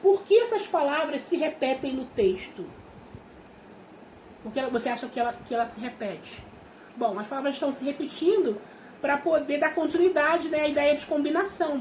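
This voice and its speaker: High-voiced Brazilian woman teacher, patient. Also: darkish tone. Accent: Brazilian Portuguese. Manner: patient, slows down and stretches words to show syllables. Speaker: primary school teacher. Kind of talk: remote class explanation. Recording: echoey room with faint hiss.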